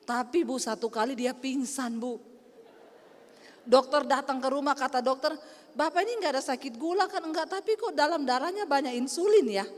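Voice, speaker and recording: A woman preacher voicing an embittered wife who calmly confides her grudges against her husband. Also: high voice, moderate pace, close to an everyday voice. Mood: confiding. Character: embittered wife, matter-of-fact about poisoning her husband. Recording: long hall reverb.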